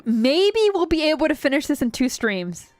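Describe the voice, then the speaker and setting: A woman streamer chatting casually and reading a game story aloud, excitable and jokey. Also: sits high, normal speed, no echo, soft background music.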